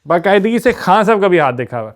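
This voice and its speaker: Higher-voiced probing male host. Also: big pitch swings. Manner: probing, mixes in English words. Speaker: podcast host. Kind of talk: podcast interview.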